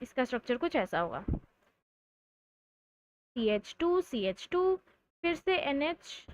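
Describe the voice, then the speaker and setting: A young woman teaching chemistry in a live online lecture, joking with students and drawing out key terms slowly for emphasis. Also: high voice, very animated, no room sound, highs cut off. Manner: playful, teasing students between explanations.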